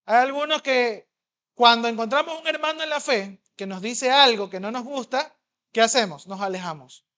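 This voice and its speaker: A man preaching a sermon as pastor, emphatic and conversational, swinging between loud and soft and asking the congregation questions. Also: very high voice, animated. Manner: conversational, fast at times.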